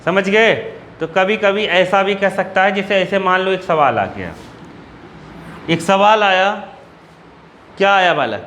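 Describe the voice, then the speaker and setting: A man's voice: high-pitched, animated, measured pace, long pauses, fairly bright tone, slight background noise. A man with an Uttar Pradesh Hindi accent teaching physics to a class, asking again and again whether the students have understood. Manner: repeatedly checks if students understood. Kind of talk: classroom lecture.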